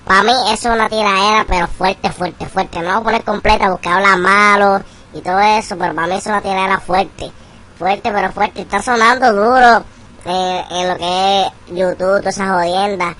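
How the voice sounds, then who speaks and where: A woman hosts an interview, her voice sitting at an ordinary middle pitch. She speaks in a hyped, slangy way as she asks her guest questions. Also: steady tone, moderate pace, fairly bright tone. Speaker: interview host. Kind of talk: casual interview talk.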